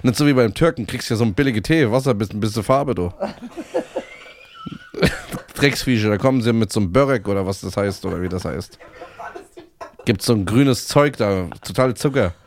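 A man's voice: fairly low pitch, brisk, slight background noise. A man chatting on a podcast as a guest, joking crudely and mimicking other people. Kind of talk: casual chat.

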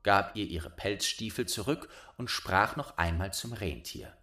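Man reading a fairy tale slowly. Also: low voice. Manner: very lively, unhurried reading. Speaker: storyteller. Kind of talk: fairy tale read aloud.

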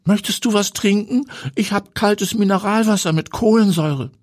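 A man voicing a high, plaintive grieving woman. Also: moderate pace, a little mellow, no room sound, studio quality. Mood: offering. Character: grieving melancholic woman, adult.

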